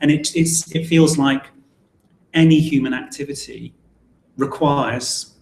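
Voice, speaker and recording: A man hosting a live webinar discussion in a roomy, echoing space with faint background noise. He keeps a middle pitch and often restarts his sentences with repeated words. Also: measured pace, creaky, a little mellow. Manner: hesitant, repeats words when starting. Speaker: webinar host. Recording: echoey room, faint noise.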